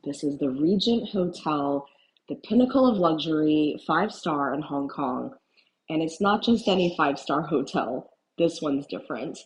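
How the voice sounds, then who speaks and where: In this hotel suite tour vlog, shot indoors with a handheld camera, a middle-aged Houston real estate broker whose first language is Cantonese speaks with eager admiration. Her low-pitched voice is animated and moves at normal speed, mildly rambling with fillers, on a low-quality recording.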